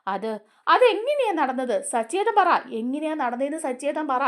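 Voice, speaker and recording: A woman's voice: sits high, very animated, brisk. A woman acting an angry young man, accusing. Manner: accusing, raised voice.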